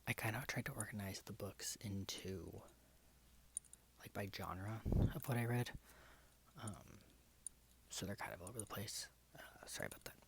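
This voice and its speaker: A camera-shy man at home talking quietly in a whispered ASMR-style book vlog, rambling and correcting himself as he goes. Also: fairly low pitch, expressive, normal speed, vocal fry, long pauses, a little hiss or hum. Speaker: book vlogger. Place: home, indoors. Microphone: desk microphone in front of a camera.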